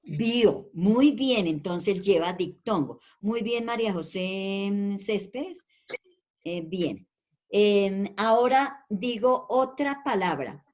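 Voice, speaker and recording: A woman's voice: mid-range voice, expressive, slow pace, darkish tone. Woman teacher, online class over video call, patient and affectionate, repeats questions. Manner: patient, calls pupils by name and repeats questions; affectionate with pupils. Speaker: primary school teacher.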